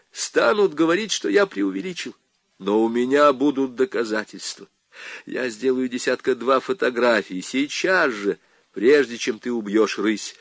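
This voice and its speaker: A man voicing an excitable middle-aged zoologist with eager, exclaiming lines in an audiobook reading. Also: medium pitch, no room sound.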